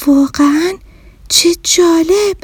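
A woman's voice: sits high, lively intonation, darkish tone, no echo, pitched above the performer's own voice. A woman voicing a lazy, timid little bear cub who whines and gives up easily, in a storybook reading. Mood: startled. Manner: sulky and easily startled.

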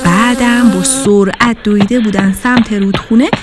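A woman narrating a children's story in an animated, expressive way. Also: medium pitch, over music.

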